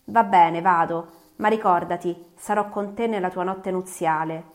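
A woman's voice: lowish voice, fairly even intonation, unhurried, natural voice. A woman voicing a bitter, vengeful male creature in an audiobook, declaiming his threats with force. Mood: threatening. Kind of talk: audiobook reading.

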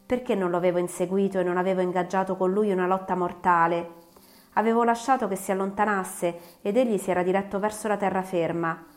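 A woman narrating an audiobook in a measured, dramatic storytelling manner. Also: medium pitch, fairly even intonation. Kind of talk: scripted narration.

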